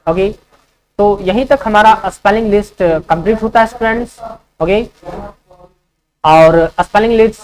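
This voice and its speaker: Teacher slowly spelling words out letter by letter. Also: male voice, poor audio. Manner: spells words slowly letter by letter, repeating each word and asking the students; drops low and soft when he says the whole word again. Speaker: English teacher. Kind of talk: spelling lesson, video class.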